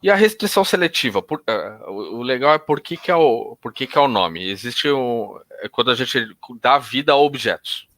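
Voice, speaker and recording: A man teaching techniques in a relaxed conversational way, often restarting sentences and changing his tone to show examples. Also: mid-range voice, moderate pace, few pauses, no room sound. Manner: explains with hesitant restarts, demonstrates intonation shifts. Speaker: NLP instructor.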